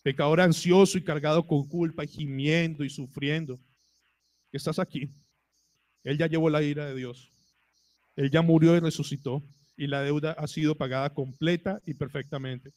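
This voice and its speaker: A man's voice: fairly high pitch, steady tone, normal speed, darkish tone, no echo. A male pastor with a Colombian Spanish accent preaching a sermon to his congregation, asking them rhetorical questions. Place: church.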